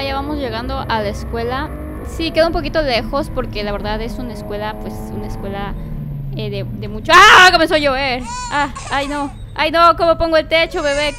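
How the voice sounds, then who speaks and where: A woman giving animated let's-play commentary, talking to a baby character and often yelling and laughing. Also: high voice, noisy background. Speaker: gaming youtuber.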